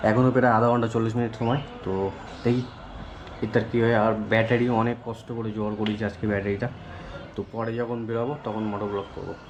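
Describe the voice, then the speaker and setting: A man, a delivery rider talking casually to his camera in a rambling way and filling his pauses with "okay". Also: lowish voice, background noise. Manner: rambling, keeps saying "okay" as a filler. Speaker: food delivery rider vlogger. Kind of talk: casual vlog talk to camera.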